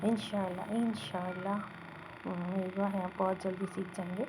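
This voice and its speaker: A woman's voice: medium pitch, flat delivery, noisy background. Patient woman teaching Quran reading. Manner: patient, asks learners to repeat, checks with "theek hai?". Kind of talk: step-by-step beginner lesson.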